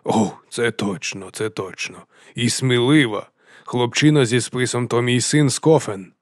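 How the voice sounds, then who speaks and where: A man voicing a fat, cheerful, half-mad male chieftain, drawling and sing-song, dropping to a hush and then booming. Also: a little slow, no echo, studio quality, natural voice. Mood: jovial, unhinged. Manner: drawling and sing-song, swinging between hushed and loud. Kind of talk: audiobook character voice.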